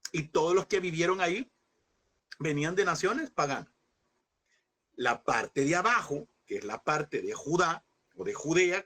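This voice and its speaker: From El Salvador, this man leads a Bible class in a slightly raised, somewhat bright voice. He calls his listeners brothers, poses questions and repeats them, and slows down to stretch out and stress the key words so his students can keep up.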